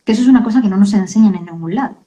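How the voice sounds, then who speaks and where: Woman, interview guest, earnest, halting, warm mellow tone. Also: mid-range voice, rough recording. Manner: earnest, halting, many tag questions. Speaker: author and guest. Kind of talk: emotional interview talk.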